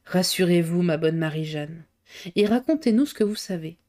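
A woman voicing a gentle, reassuring male journalist with a lowered voice. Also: brisk, natural voice. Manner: gentle, soothing.

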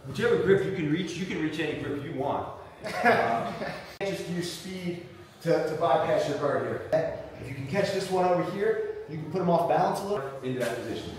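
A man's voice: on the high side, expressive. Coaching man heard from far off in an echoey gym. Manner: brisk coaching, demonstrating as he talks. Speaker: instructor. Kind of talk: teaching a technique on the mat. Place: large gym hall with mats. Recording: distant echoey gym sound.

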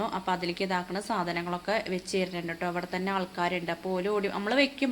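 A woman's voice: medium pitch, fairly bright tone, a little hiss or hum. Chatty Keralan woman vlogging. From Kerala, India. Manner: chatty, tag-heavy storytelling. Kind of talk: casual narration. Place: airport, indoors.

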